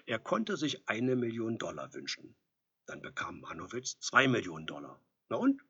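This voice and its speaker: A man narrating an audiobook in an expressive, lively storytelling manner. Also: lowish voice, normal speed, gravelly, slightly rough. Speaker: audiobook reader. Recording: dull lo-fi recording.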